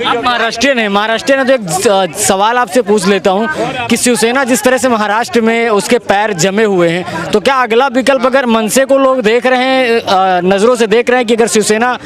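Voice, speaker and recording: A man's voice: extremely high pitch, brisk. A male reporter asking probing, leading questions in an outdoor street interview. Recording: outdoor crowd noise.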